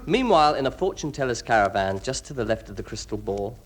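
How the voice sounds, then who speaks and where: A man's voice: medium pitch, sing-song, fast talker. A man playing a hesitant, apologetic bit part in a scripted radio comedy. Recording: very noisy recording.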